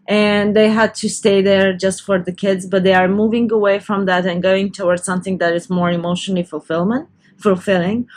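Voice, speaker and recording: Woman tarot reader, slightly high-pitched, chatty and loose, restarts her sentences often. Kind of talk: casual tarot reading to camera.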